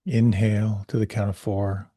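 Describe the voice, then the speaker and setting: Low, husky man guiding meditation. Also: little pitch movement, dry recording, studio quality. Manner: gentle, unhurried, soothing instruction with pauses. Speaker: meditation teacher. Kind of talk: guided meditation class.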